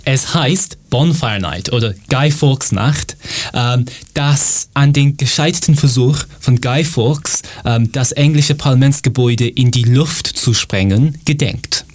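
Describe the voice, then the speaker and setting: Casting note: man, presenter who stumbles over words and restarts them, with filler pauses. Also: mid-range voice, darkish tone. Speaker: student presenter. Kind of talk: read-aloud presentation.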